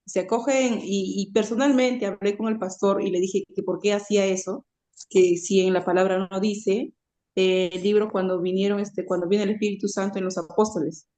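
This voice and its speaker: A woman's voice: mid-range voice, fairly even intonation, normal speed, warm tone. A woman tells a personal story in an online Bible class over a video call. She acts out the dialogue and hesitates often with fillers.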